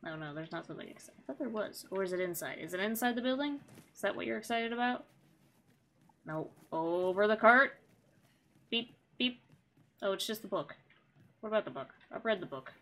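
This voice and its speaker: A woman's voice: medium pitch, expressive, brisk, pauses often, fairly bright tone. A woman streaming a video game, chatting casually with sarcastic, jokey asides. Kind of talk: casual gameplay chat.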